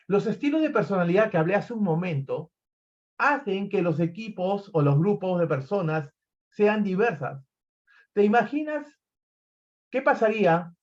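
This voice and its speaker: A man's voice: sits high, darkish tone, muffled recording. A man giving a recorded leadership lecture, talking animatedly, acting out examples and often restarting his phrases. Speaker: leadership trainer.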